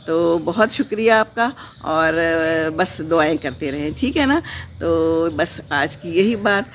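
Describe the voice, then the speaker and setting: A woman hosting a casual live stream from her garden, reading out viewer comments. She talks in a gentle, reflective, unhurried way with pauses, mixes in English phrases, and offers prayers and blessings. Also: low-pitched, expressive, a little hiss or hum. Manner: prayerful, sprinkles blessings and wishes.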